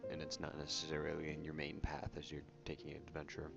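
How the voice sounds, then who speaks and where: A man speaks softly in a very low voice with a crackly, fry-laden edge, in the style of ASMR game commentary. He is casual and rambling, often correcting himself. The audio is slightly muffled. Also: monotone, fast talker. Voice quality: soft-spoken, low voice without whispering. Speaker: YouTube game channel host. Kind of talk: soft-spoken ASMR commentary on a video game. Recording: muffled audio under prominent music. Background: music.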